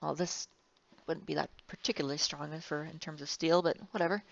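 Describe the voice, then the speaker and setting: A woman's voice: low-pitched, fairly even intonation, a little fast, creaky. A woman engineering instructor giving a recorded lecture, rambling and correcting herself with wry asides. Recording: dull, slightly muffled, dry sound.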